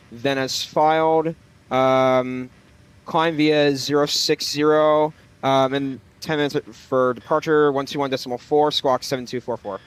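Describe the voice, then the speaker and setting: Man, pilot radio calls from the cockpit, headset, hesitant with fillers, smooth clear voice. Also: a little high. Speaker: streamer playing a flight simulator.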